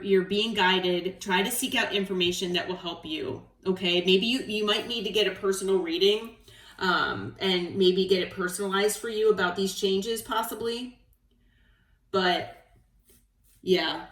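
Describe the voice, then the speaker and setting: A woman giving a tarot reading to her viewers, speaking in a gentle, reassuring way and checking in often. Her voice sits in a middle register. It sounds roomy, with the mic set some distance away. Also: mid-range voice. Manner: gentle, encouraging, frequent "okay?" check-ins. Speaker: tarot reader.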